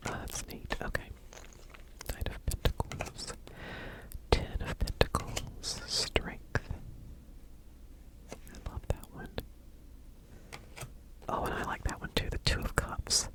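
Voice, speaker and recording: An ASMR host speaking in a soft whisper, halting and unhurried, as if sharing things casually with viewers. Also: low-quality recording.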